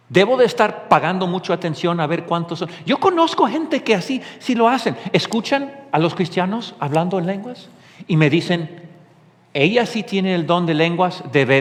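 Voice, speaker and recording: Pastor, male, high lively voice, slow deliberate delivery, long hall reverb. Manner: animated preaching with rhetorical questions. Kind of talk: sermon.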